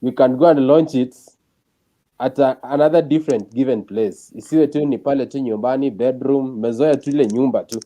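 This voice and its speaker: A man's voice: mid-range voice, fairly quick, mellow, low-quality recording. A man with a Kenyan accent chatting casually and telling stories, switching between Swahili and English. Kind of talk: casual chat, storytelling.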